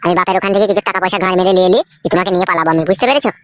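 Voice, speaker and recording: A man voicing a scheming, boastful young village man in a cartoon, talking low and crudely. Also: rapid-fire, lightly acted. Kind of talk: cartoon voice acting.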